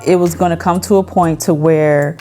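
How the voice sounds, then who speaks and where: A woman co-hosting a couples' ministry channel, speaking in a measured, thoughtful way in casual chat. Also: low-pitched, fairly even intonation, dark tone, soft background music.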